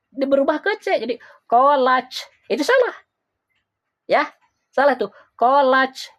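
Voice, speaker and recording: A woman teaching Quran recitation in an informal lesson, patient and repeating letter sounds slowly. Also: on the high side, muffled recording.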